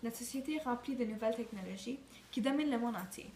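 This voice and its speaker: A woman's voice: on the high side, fast, darkish tone. A woman reciting an earnest, declamatory monologue for a school project, with frequent restarts. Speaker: student. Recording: roomy echo with faint ambient noise.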